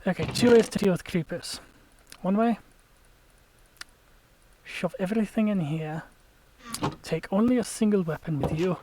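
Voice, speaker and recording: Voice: mid-range voice, measured pace, long pauses, dark tone, slight background noise, low-quality recording. A let's play gamer giving casual, chatty gameplay commentary, explaining tactics to viewers and sometimes dropping to a whisper.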